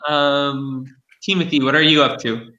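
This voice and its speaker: A man's voice: mid-range voice, fairly even intonation, measured pace, pushed and bright, echoey room, muffled recording, a little hiss or hum. A man running a tabletop role-playing game as game master, narrating scenes and talking with his players.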